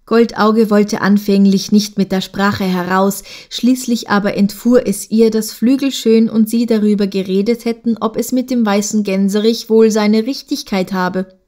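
Audiobook narrator, woman, measured scripted storytelling. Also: mid-range voice, fairly even intonation, mellow.

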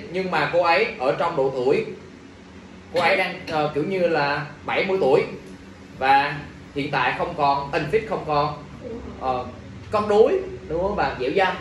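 A male teacher, running an exam review class and quizzing students with jokes. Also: a little high. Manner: lively, jokes with students, asks the class questions. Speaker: English teacher. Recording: echoey room, faint ambient noise.

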